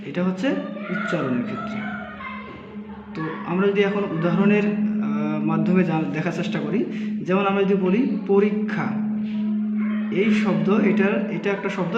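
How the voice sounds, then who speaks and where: A man teaching a spelling and pronunciation lesson, explaining slowly, repeating phrases and pausing with fillers. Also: sits high. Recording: echoey room, slightly dull lo-fi sound.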